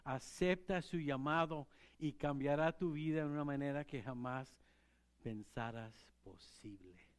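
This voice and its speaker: A male pastor preaches in a conversational style, often turning to the congregation with questions. His voice sits somewhat high for a man, and he speaks in a church. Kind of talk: sermon.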